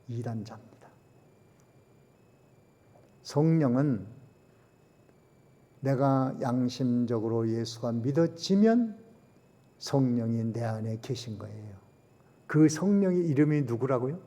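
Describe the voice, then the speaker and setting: A man's voice: medium pitch, lively intonation, takes it slowly, pauses often, dark tone. A male Korean pastor delivering an emphatic sermon, posing rhetorical questions to the congregation. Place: church sanctuary. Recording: long church hall reverb.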